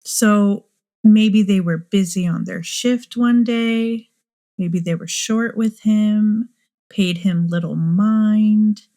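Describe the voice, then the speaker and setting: A woman's voice: medium pitch, slow pace, mellow. A woman hosting a true crime show, musing aloud and asking many rhetorical questions. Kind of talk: speculative true crime commentary.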